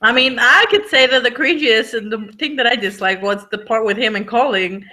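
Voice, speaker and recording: This live online book chat is hosted by a woman whose voice sits on the high side, bright and forceful, at a moderate pace. She's relaxed and rambling, leaning heavily on the word "like."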